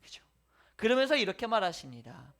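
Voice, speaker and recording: Man, pastor, sermon, bright tone, very expressive pitch, dramatic storytelling. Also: fairly quick, vocal fry. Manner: lively storytelling, acting out voices, shifting from loud to whispered.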